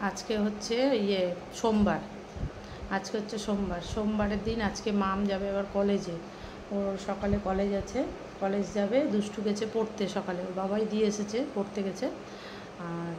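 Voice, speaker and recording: Woman, middle-aged, soft-spoken, rambling casual vlog talk, weary from heat, noisy home recording. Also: medium pitch, steady tone, moderate pace. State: tired and thirsty from the heat. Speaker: home vlogger. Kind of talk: casual daily-life vlog chat.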